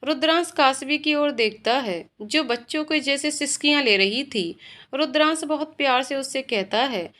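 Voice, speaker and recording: A woman narrating a heart-touching family story in a steady, emotive storytelling manner. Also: sits high, moderate pace. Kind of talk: scripted narration.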